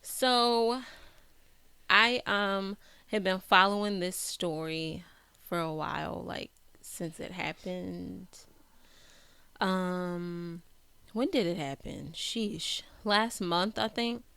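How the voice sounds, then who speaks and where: Woman host, Baltimore accent, chatty, fairly low voice, dry sound. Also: slow pace, creaky, bright, forceful tone, clear, resonant tone, no room sound. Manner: chatty, laughs often, uses filler words. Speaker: podcast host. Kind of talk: casual chat.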